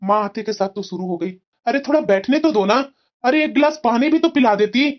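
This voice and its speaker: Brief: woman playing a calm, coaxing cartoon son, raised voice, dull lo-fi recording. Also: a little high, a little fast, lightly acted. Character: mild reasonable grown son.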